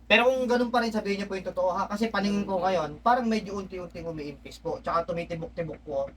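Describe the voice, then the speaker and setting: A man with a high voice talks fast as a spiritual healer, insistently questioning a spirit and pressing with repeated "ha?" before explaining the session to onlookers. The mic is distant, with faint background noise.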